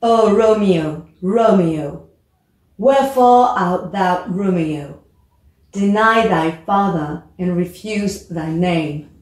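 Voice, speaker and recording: A woman reading the part of Juliet, a young lovesick girl, declaiming old verse slowly. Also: on the low side, darkish tone. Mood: longing. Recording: very echoey room.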